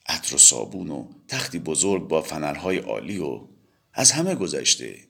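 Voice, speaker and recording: A man giving an expressive, dramatic audiobook reading of a novel, telling the story in the first person as if to a listener. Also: low-pitched, vocal fry. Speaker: audiobook reader.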